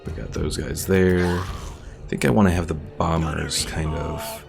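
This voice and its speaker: Speaking a little slowly in a rumbling, creaky low register with little pitch movement, this game streamer offers casual live commentary, musing out loud while he plays. Video game music runs underneath his voice.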